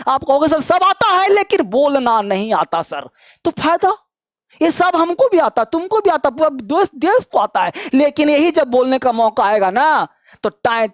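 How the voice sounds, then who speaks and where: A man with a very high voice teaches a spoken English lesson online, full of energy, urging learners on and drilling example sentences in rhythmic call-and-response repetition. When modelling sentences, he slows to a deliberate, syllable-by-syllable pace. The studio-quality recording has no room sound.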